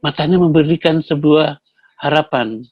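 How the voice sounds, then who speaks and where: A man's voice: a little high, moderate pace, breathy edge, no room sound. An older man, a veteran acting teacher, talking casually and telling stories, acting out the voices of his students. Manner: storytelling, acting out quoted students with shifting voices. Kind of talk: casual talk show conversation. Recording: dry, dull lo-fi sound.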